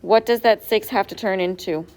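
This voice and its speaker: A woman's voice: mid-range voice, normal speed, a little mellow. A woman teacher going over quiz answers step by step in a classroom, asking her students questions as she goes. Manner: patient, step-by-step, quizzes students. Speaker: math teacher.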